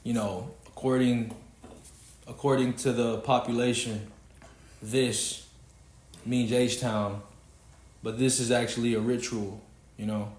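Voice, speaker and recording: A man's voice: mid-range voice, flat delivery, takes it slowly, pauses often, a little mellow. Preachy young Texan man in an echoey room. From Houston, Texas. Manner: preachy, emphatic, swearing freely. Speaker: podcast host. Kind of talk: casual podcast rant.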